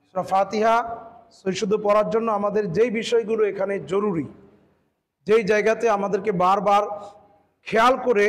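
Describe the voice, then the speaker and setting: A man teaching Quran pronunciation, patiently repeating words slowly and stretching the sounds. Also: high voice, in a large hall. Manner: patient, drills words by slow drawn-out repetition. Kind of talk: tajweed pronunciation lesson.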